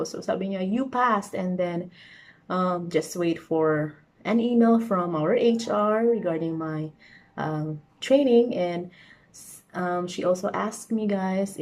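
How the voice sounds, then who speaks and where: A woman's voice: fairly low pitch, darkish tone. A young Filipino woman with a Filipino accent, chatting casually to her viewers with lots of fillers. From Philippines. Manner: chatty, mixes English and Tagalog, many fillers. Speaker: vlogger. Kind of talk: casual chat.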